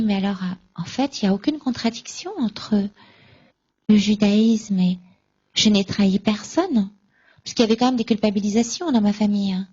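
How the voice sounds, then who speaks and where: A woman giving a personal faith testimony at a conference, recounting events with lively acted-out dialogue. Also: mid-range voice, muffled recording. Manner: lively, acts out remembered dialogue.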